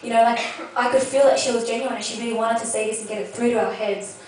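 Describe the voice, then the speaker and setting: A woman's voice: fairly high pitch, steady tone, fast, crowd noise. Young woman, earnest testimony, heard from a distance in a very echoey space with faint noise. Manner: earnest, heartfelt storytelling. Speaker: speaker sharing a personal testimony. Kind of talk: spoken personal testimony.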